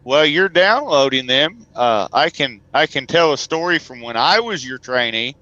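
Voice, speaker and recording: A man's voice: medium pitch, animated, moderate pace, sharp tone, muffled recording. A man, a truck driver, telling stories as a guest in a casual, folksy, joking way. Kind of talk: casual conversation, storytelling.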